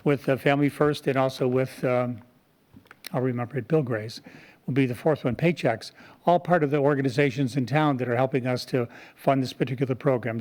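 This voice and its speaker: Speaking on the high side with a touch of mellowness, this male presenter volunteers for his community and belongs to the Rotary club. He explains things earnestly to a public meeting held in a town board meeting room.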